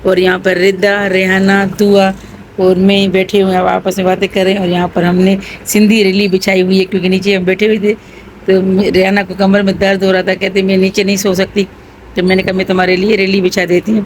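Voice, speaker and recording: Woman from vlogging at home, headache, tired, middle pitch, a little hiss. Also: flat delivery, rough recording. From Pakistan. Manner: chatty, narrating what family members are doing. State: headache, low energy. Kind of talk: casual home vlog narration.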